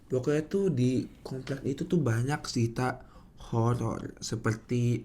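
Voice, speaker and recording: Young male podcast guest, Jakarta accent, lisped R, slangy and halting casual storyteller. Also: medium pitch, mellow, slight background noise. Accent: Jakarta Indonesian. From Indonesia, Jakarta. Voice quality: lisped R, cannot roll it. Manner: slangy, hesitant, rambling.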